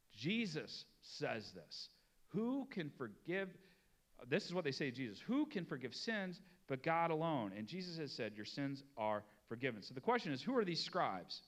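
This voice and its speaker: A man's voice: mid-range voice, fairly bright tone. A middle-aged man preaching a sermon, drawing out key words for emphasis and talking plainly to his congregation. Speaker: pastor.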